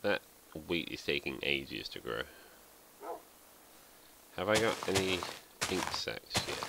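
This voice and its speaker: A man's voice: rumbling low, sing-song, slow, creaky, background noise. A man giving casual, rambling gameplay commentary as a let's play host, thinking aloud and poking fun at himself.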